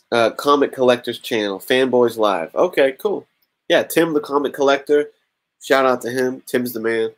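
Hosting a YouTube comic channel, this man in his thirties streams from a small home room and chats casually during a raffle, counting entries out loud. His webcam mic picks up a medium-pitched voice at a measured pace, broken by long pauses.

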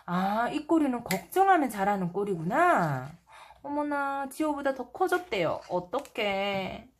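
A woman's voice: high-pitched, big pitch swings, measured pace. A woman storyteller reading a picture book to toddlers, talking to them with simple questions and exclamations. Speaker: storyteller mom reading picture books to children. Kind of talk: reading a picture book aloud to young children.

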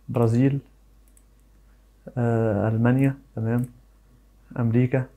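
An Egyptian man chatting casually as he works through a quiz. His voice is mellow and warm, and he thinks aloud, weighing his guesses and poking fun at himself when he misses. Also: mid-range voice. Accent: Egyptian Arabic. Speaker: YouTuber. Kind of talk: casual commentary on a flag quiz.

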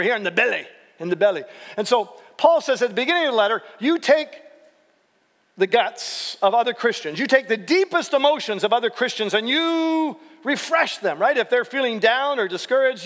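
A middle-aged man with a high, light voice gives a relaxed Bible lecture to a church class. He talks in an animated way, keeps asking "right?" and voices the lines he quotes. The sound rings with the long reverb of a church hall. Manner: animated, frequent "right?" checks, acts out quotes. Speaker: seminary professor teaching a class series.

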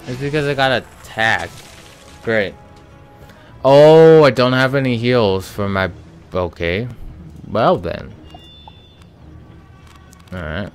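Slow, low-voiced man thinking aloud. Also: a bit bright, soft background music. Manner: slow, thinking aloud with many ums and sighs. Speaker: gaming channel host. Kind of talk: casual let's-play commentary.

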